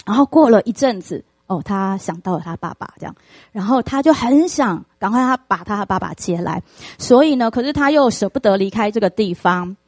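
A woman preacher giving a sermon, telling a story in an animated way with many fillers. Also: mid-range voice, a little fast, no room sound.

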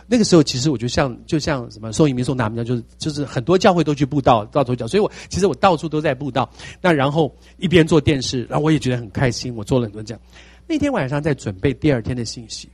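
A man in his sixties with a Taiwanese Mandarin accent, a pastor telling his testimony in a sermon with animated storytelling and repeated phrases. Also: mid-range voice, husky, no echo. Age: 60s.

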